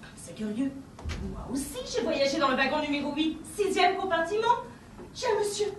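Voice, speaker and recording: A woman playing a prim English wife, high-voiced and politely baffled, each line measured and formal. She is caught from across an echoey stage, with steady noise behind her. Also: far from the mic. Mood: wondering. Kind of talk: amateur stage acting. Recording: echoey stage from afar, noisy.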